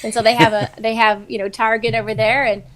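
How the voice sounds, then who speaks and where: A woman from Southern Indiana, chatting as a guest on a talk show, upbeat and quick to laugh. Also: on the high side, little pitch movement. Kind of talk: casual chat.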